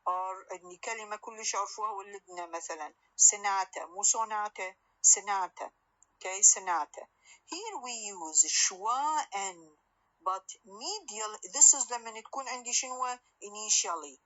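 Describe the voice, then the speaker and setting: A woman's voice: mid-range voice, animated, a little slow, pushed and bright, highs cut off. A woman with an Iraqi accent teaching English phonetics in a recorded lecture, mixing Arabic and English and checking in with "okay?".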